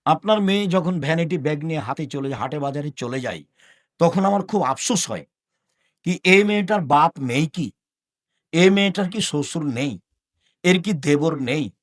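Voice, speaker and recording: A man's voice: fairly high pitch, lively intonation, normal speed. An older man from Bangladesh preaching a sermon, scolding his listeners with rhetorical questions that rise suddenly in force. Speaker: Islamic preacher.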